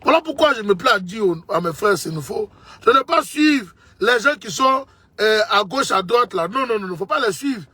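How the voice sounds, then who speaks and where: Pitched high and expressive, the commentator's voice is bright, forceful and husky at a normal speed, with no room sound. The Ivorian man passionately argues politics, emphatic and repetitive, speaking to the listener as a brother.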